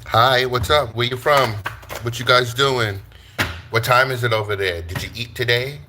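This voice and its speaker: A man's voice: medium pitch, steady tone, normal speed, noisy background. A man from Brooklyn, chatting playfully with viewers on a live tarot stream, joking and swearing freely. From Brooklyn, New York.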